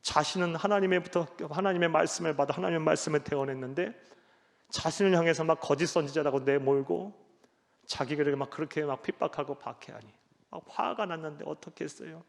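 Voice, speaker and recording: A man preaching a sermon as pastor, emphatic, swinging between loud exhortation and low, quiet passages. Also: brisk, vocal fry. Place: church sanctuary. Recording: church hall reverb.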